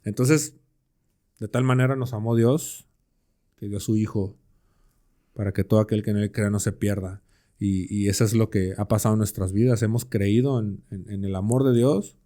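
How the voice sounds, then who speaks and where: A fairly low, mellow male voice belongs to a podcast co-host. His casual Bible study chat is slangy and conversational, full of everyday examples and rhetorical questions about the passage.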